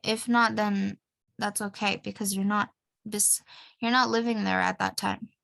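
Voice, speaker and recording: A woman's voice: mid-range voice, flat delivery, measured pace, vocal fry, a bit bright, no echo, poor audio. A young woman teaching an online class over a video call, patiently having students repeat phrases after her.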